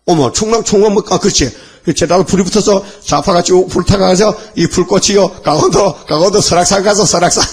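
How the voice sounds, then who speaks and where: Male pastor, dawn sermon, rambling and fiery, rhetorical questions. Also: sits high.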